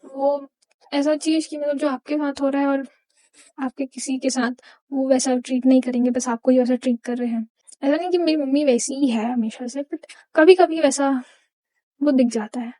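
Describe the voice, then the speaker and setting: A woman's voice: high voice, fairly even intonation, normal speed, mellow, no room sound. A young woman vlogger telling a personal story in an emotional, rambling, confessional way. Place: home.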